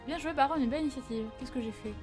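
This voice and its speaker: A woman's voice: sits high, very fast, faint music behind. A young woman streaming live, chatting casually with viewers and answering their messages with lots of fillers. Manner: chatty, animated, frequent fillers and laughs.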